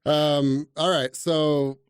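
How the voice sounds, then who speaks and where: A man's voice: on the high side, level tone, very slow, clear, resonant tone, dry recording, studio quality. A man hosting a podcast interview, easygoing and joking. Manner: easygoing, joking, laughs often. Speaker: podcast host.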